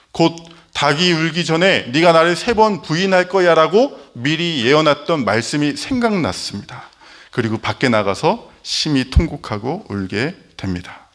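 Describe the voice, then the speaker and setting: Animated pastor preaching, man. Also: medium pitch. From Jeolla, Korea. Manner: animated storytelling, acting out quotes. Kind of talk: sermon.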